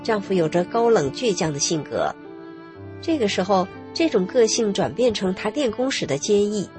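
A woman calmly narrating her own story in a measured, scripted radio reading. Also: mid-range voice, music in the background.

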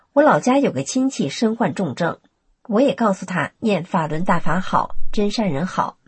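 A woman reading a first-person testimony aloud in a steady, earnest storytelling manner. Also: medium pitch, breathy edge, no room sound. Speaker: narrator.

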